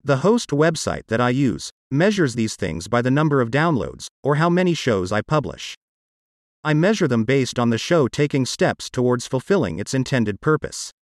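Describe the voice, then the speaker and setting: Guy host with an old speech synthesizer voice, computer generated, pitch moves around a lot, reading a script. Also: very animated, normal speed, no echo, clean studio sound. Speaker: podcast host. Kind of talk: scripted narration.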